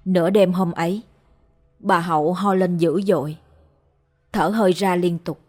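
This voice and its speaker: Calm woman telling a ghost story. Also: lowish voice, a little slow, soft background music. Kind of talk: scripted narration of a ghost story.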